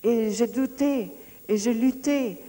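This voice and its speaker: A woman giving a personal testimony, telling her story in a lively way and often restarting her sentences as she searches for words. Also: on the high side, slow. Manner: lively storytelling, acting out the dialogue she recounts.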